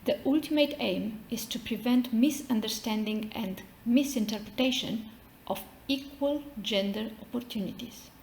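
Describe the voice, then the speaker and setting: A woman's voice: on the high side, normal speed, gravelly, a little mellow. A woman from Romania with a Romanian accent, delivering a prepared formal speech as an association representative. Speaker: maritime association representative, speaker. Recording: roomy echo with faint noise.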